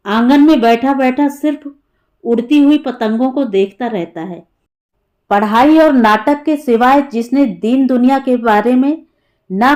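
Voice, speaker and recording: A woman narrating an audiobook story in a measured, expressive way. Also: a little high. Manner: slow and measured.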